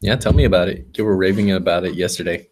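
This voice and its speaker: A man's voice: deep voice, fairly even intonation, fast talker, darkish tone. A young man co-hosting a podcast, chatting casually and swearing freely. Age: young adult. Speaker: podcast co-host. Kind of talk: casual chat. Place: library room.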